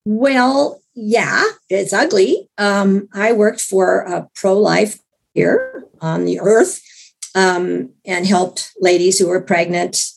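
Speaking slowly in a medium-pitched but hoarse, gravelly voice, a woman recovering from an illness shares a personal story as a guest in an interview. Her delivery is chatty, full of restarts and dry, wry remarks.

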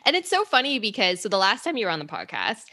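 A woman's voice: mid-range voice, huge pitch swings, fast talker, pushed and bright, dry recording, studio quality. A woman hosting a casual music podcast over cocktails, bubbly and enthusiastic. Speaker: podcast host. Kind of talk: casual chat over drinks.

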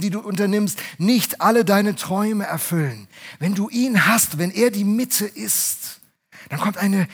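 A man preaching a sermon, speaking straight to his congregation, swinging between loud urging and hushed, soft phrases. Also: sits high, husky.

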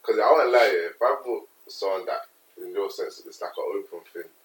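Young london lad, lowish voice, arguing w mates in slang, roomy noisy recording. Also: male voice, fairly quick. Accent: London, multicultural slang. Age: young adult. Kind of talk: casual group banter. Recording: roomy echo, distant mic, noisy.

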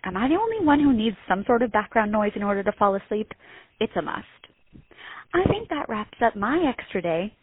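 A woman's voice: medium pitch, very animated, fairly quick, breathy edge. A young woman leaving a peppy voicemail message over a phone line, calling in as a municipal clerk. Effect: heard over a phone line, leaving a voicemail. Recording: tinny dry phone line.

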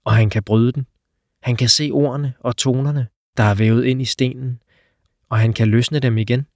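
A man's voice: medium pitch, fairly even intonation, a little mellow, no room sound. Man reading a story in a dry studio sound. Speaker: narrator. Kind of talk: audiobook narration.

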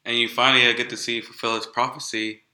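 Laid-back man, very bright voice, echoey room. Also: mid-range voice, little pitch movement, fast. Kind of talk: casual movie chat.

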